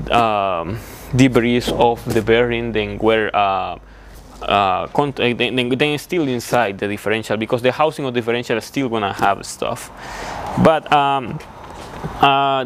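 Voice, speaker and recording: Halting young mechanic in a truck shop. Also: male voice, medium pitch, slight background noise. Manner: plain, halting explanation with many fillers and restarts. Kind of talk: hands-on repair walkthrough. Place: indoor truck repair shop.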